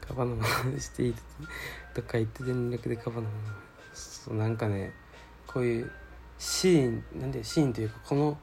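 A man's voice: medium pitch, a little mellow, slight background noise. A man hosting a casual solo radio-style show, reading listener mail and talking in a rambling, laid-back, slangy way while searching aloud for his words.

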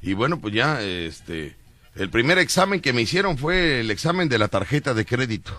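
A Mexican man spins a comic tale with a lively voice that jumps up and down in pitch. He acts out the other people in his story, switching voices as he goes. He sounds middle-aged, with a mid-pitched voice. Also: moderate pace, heavy background noise. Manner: animated, acts out dialogue in shifting voices. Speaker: radio comedy host.

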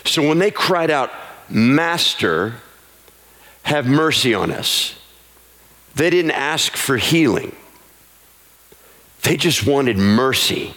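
Pastor preaching in a reverberant church. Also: male voice, lively intonation, takes it slowly, long pauses. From United States. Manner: swings between soft low teaching and raised, high-pitched exhortation; repeats key lines for emphasis. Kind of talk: sermon. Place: church sanctuary.

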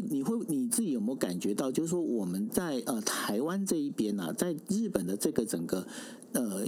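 A man's voice: medium pitch, warm tone. A man with a Taiwanese Mandarin accent hosting a conversational political interview, explaining at length and checking for agreement. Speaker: interviewer, host.

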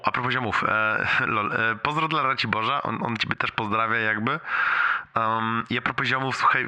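A young man leaving a casual, rambling voicemail for a friend, slangy with bits of English mixed in, halting and repeating himself. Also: on the low side, bright, forceful tone. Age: young adult.

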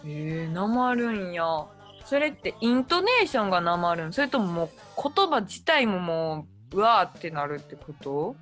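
A woman's voice: fairly low pitch, sing-song, fairly bright tone, soft background music. A woman with a Kansai accent, hosting a casual chat and asking friendly, curious questions. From Kobe, Japan. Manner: friendly, curious, quick back-channel replies.

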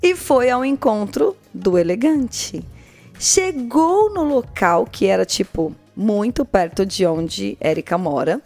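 This Brazilian-accented woman, a podcast host, shares a listener's dating story in a loose, comic chat, using colloquial language and performing the dialogue herself. She speaks slowly, very animated, at medium pitch with a slightly mellow quality. Faint music sits behind her.

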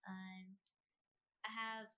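A young woman talks through her answers in a loose, conversational interview style. Her voice is bright and forward, and she keeps things lively with plenty of filler words. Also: mid-range voice, very slow, highs cut off. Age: young adult. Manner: chatty, animated, lots of filler "like". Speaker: athlete guest.

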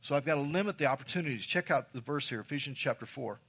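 A man's voice: medium pitch, fast talker, fairly bright tone, slightly rough. A man preaching a sermon as pastor, emphatic, repeating key phrases and addressing the congregation directly.

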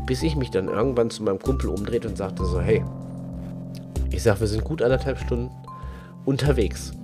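A man in his thirties with a German accent, a fishing vlogger telling a lively story about a day trip and acting out his friends' lines. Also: medium pitch. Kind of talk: storytelling vlog.

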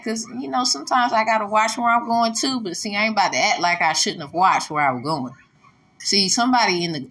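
A woman's voice: mid-range voice, sharp tone. A woman vlogger talking casually in a blunt, profane, preachy and rambling way.

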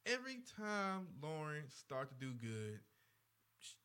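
Animated man hosting a playful chat. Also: on the high side, measured pace, clear, resonant tone. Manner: playful, joking. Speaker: podcast host. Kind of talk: casual chat.

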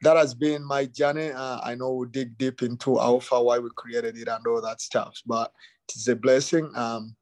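A middle-aged man from Uganda, a youth soccer academy director, talking in a relaxed interview and often saying "you know" and "um". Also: medium pitch, moderate pace, no room sound. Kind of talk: casual interview.

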